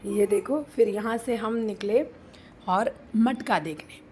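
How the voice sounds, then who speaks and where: A woman in her thirties narrating a family outing in a chatty, storytelling vlog style, pausing often with fillers. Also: medium pitch, dark tone, slight background noise. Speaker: family vlogger.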